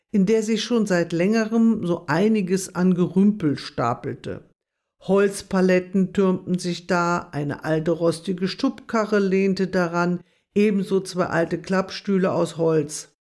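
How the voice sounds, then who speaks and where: Storyteller reading a kids tale, gentle and expressive, middle pitch.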